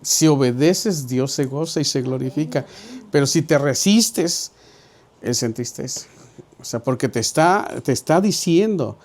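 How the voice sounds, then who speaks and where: Leading a Bible study sermon, this middle-aged pastor speaks unhurriedly in a fairly high voice with a darkish tone. He weaves in stories, conversationally acting out the dialogue.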